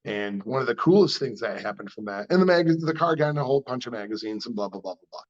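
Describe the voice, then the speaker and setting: A car builder and shop owner from New York tells shop stories in a casual interview, his mid-range voice leaping up in pitch each time he acts out someone's words. He's an animated storyteller, and the audio is somewhat dull and lo-fi.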